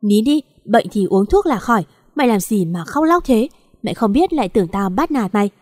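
A woman voicing a harsh, impatient older sister with a sharp, scolding manner. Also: fairly high pitch, fairly quick, dry recording, studio quality, lightly acted.

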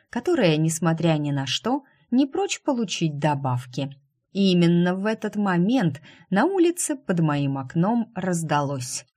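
Low-voiced woman reading a wry fantasy story. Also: a little mellow. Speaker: audiobook narrator. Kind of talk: first-person fantasy audiobook narration.

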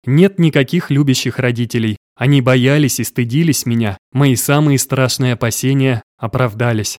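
A man reading a first-person audiobook in a measured, even way. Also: medium pitch, no echo, studio quality. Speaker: audiobook narrator.

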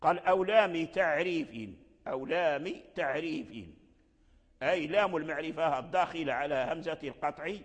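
A man's voice: on the high side, moderate pace. Man teaching in a reverberant hall. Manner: explains by repeating each word several times. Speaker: Quran recitation teacher. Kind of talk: classroom lesson explanation.

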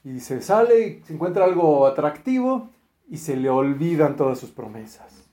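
A man preaches a sermon, retelling a Bible story with energy and acting out the quoted speech, though he often uses fillers and restarts. His voice is on the high side at a normal speed, and the sound is roomy.

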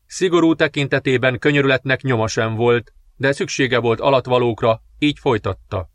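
A man narrating a dark fantasy audiobook with measured, dramatic storytelling. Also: mid-range voice, no echo.

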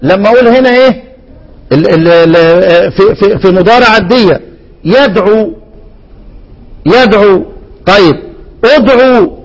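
A man with an Egyptian Arabic accent, a teacher explaining Quran recitation rules. He keeps asking his listeners questions and answers them himself, restarting words often, and he chants the quoted words at a raised pitch. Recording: long reverb.

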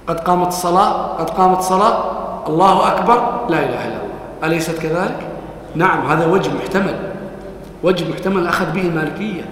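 A man's voice: a little high, a bit bright. A man teaching a classroom lesson, reciting texts and questioning his students as he explains them. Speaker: teacher of hadith. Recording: echoey hall with long reverb, faint noise.

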